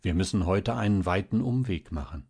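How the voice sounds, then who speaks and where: A man doing a soft-spoken earnest young man. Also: low-pitched, lively intonation, fairly quick, gravelly, slightly rough, full character voice. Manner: soft, pleading, then serious.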